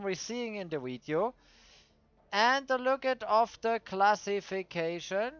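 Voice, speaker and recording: High-voiced man with Swiss German accent, halting English. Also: a bit bright, smooth, no room sound. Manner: halting, searching for words in non-native English. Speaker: host of a racing game video series. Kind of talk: casual gameplay commentary. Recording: dull lo-fi dry microphone.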